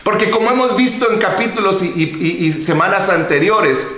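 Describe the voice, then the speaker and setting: A man preaching a sermon as pastor, emphatic, with rhetorical questions and drawn-out words. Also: high-pitched, animated, a bit bright. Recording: very echoey hall.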